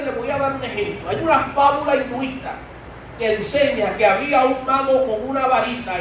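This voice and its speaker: A man preaching a sermon in a church, speaking emphatically and addressing the congregation directly. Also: very high-pitched. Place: church sanctuary. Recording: echoey church from far off, faint hiss.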